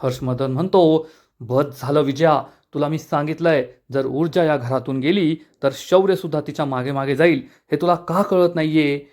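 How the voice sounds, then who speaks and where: A man's voice: fairly high pitch, moderate pace, a little mellow. A man narrating a TV serial episode recap, reading the characters' lines with raised emotion. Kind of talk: dramatic retelling of a TV serial.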